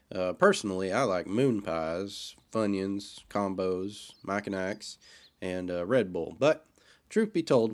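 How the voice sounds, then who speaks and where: A man playing Mullet, a folksy wisecracking sidekick. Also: fairly low pitch. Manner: folksy, teasing, swaggering. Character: brash wisecracking male hero sidekick. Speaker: podcast host.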